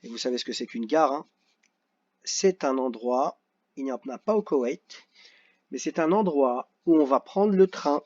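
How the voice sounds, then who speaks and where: A man's voice: medium pitch, moderate pace, darkish tone, muffled recording. A male teacher patiently correcting a children's worksheet, sounding out syllables one by one.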